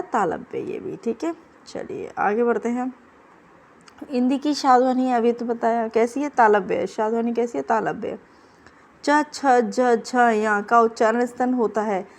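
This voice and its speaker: Woman tutor for exam prep, brisk and coaching, somewhat high voice, drills each answer twice. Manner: quizzing and repeating answers. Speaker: teacher.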